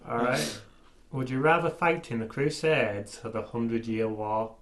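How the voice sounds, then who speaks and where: A man's voice: medium pitch, unhurried, fairly bright tone. A man hosting a podcast who reads out would-you-rather questions and adds matter-of-fact remarks. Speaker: podcast host asking questions. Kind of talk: casual chat.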